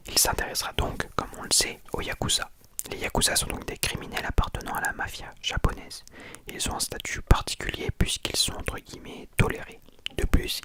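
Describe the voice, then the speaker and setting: A person speaking in a hushed, breathy library whisper, telling and reviewing a book informally for ASMR. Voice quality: soft, breathy unvoiced whisper. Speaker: ASMR content creator.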